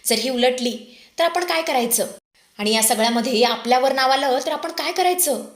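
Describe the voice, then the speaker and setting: A woman's voice: sits high, moderate pace, echoey room, close to an everyday voice. Woman reading as a nervous male accomplice. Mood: worried.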